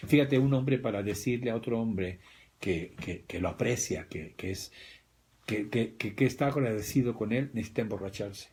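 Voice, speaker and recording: A man's voice: on the low side, moderate pace, darkish tone. A man with a Mexican accent giving an emphatic livestream talk on spirituality and health, speaking straight to his listeners. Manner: emphatic, repetitive, addresses listeners directly. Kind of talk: livestream lecture.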